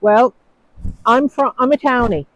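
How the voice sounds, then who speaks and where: Standing outdoors as snow falls, a woman from Newfoundland, Canada, with a Newfoundland English accent, chats casually to her phone and answers viewer questions in a rambling, hesitant way. Her voice is a little high and a bit bright, measured in pace, and the recording is low quality.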